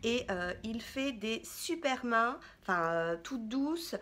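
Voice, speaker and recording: Woman beauty vlogger, high voice, chatty and halting, casual haul talk. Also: very animated, fairly bright tone. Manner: chatty, hesitant with frequent fillers. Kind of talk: casual haul vlog chat.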